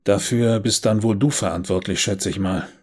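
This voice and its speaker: Guy putting on a sassy dead young woman, snippy and fed up, husky underneath, storybook read. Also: on the low side, normal speed, a little mellow. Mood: snappy, sarcastic. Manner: snappy, sarcastic and hissing. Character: young murdered woman, brash and indignant.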